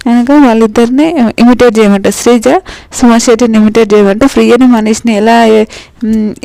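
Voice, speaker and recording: A woman's voice: a little high, gravelly, warm tone, no echo, rough recording. A woman, casually recapping a reality show episode, chatty with many fillers and restarts. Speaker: show reviewer.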